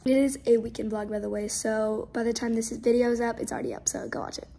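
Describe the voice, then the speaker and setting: High-voiced teen girl vlogging. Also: steady tone, fast talker, vocal fry, warm tone, a little hiss or hum. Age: teens. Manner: chatty, filler-heavy, upbeat. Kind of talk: casual vlog narration. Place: conference room at a table.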